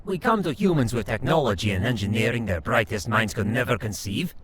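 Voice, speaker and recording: A man's voice: mid-range voice, expressive, brisk, noisy background, natural voice. A man playing Pietro, a grumbling alien exile. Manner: grumbling, ranting, broken grammar. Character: grumbling older male quarian immigrant, cynical.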